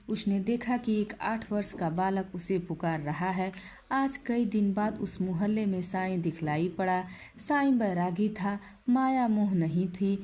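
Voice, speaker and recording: A woman narrating a short story aloud in a calm, measured reading. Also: mid-range voice.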